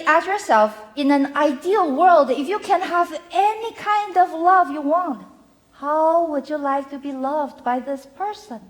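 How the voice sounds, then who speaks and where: Slow, high-voiced woman giving a keynote. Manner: slow, measured phrasing in short emphatic chunks. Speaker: mental health keynote speaker. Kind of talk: motivational keynote speech. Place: arts center venue before a live audience.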